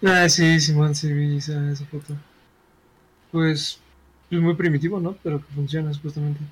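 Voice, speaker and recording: A man's voice: fairly high pitch, level tone, moderate pace, slightly rough. A man with a Mexican accent, reacting in casual chat with slangy interjections. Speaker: co-host.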